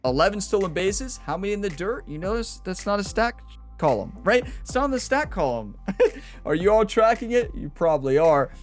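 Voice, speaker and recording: An excitable man talks through his baseball video game, chatty and quick to laugh. His voice sits fairly high, and faint music plays under it. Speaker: gaming YouTuber. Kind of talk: casual gameplay commentary.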